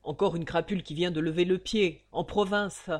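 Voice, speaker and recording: A woman voicing a greedy, irritable older male banker who rants loudly and scornfully in a storybook reading. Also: on the low side, steady tone, normal speed, natural voice. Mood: grumbling. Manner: loud, ranting and scornful.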